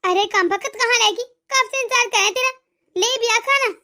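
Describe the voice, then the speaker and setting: A woman voicing a cruel, domineering mother-in-law who taunts and threatens loudly. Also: very high voice, brisk. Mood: scolding. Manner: loud, sneering taunts. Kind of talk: cartoon voice acting.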